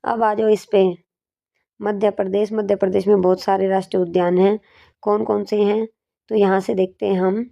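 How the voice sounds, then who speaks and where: A woman's voice: mid-range voice, little pitch movement, moderate pace, creaky, lo-fi sound. A woman teacher giving an exam-prep lesson with memory tricks, asking questions and answering them herself.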